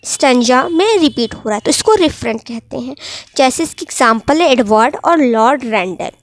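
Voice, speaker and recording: A woman with a high voice gives an exam-prep literature lecture. She keeps asking questions and answering them herself, and slows right down for quoted verse. The sound is dry and close. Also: animated, dry recording. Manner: reads English verse slowly, then explains it. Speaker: literature teacher.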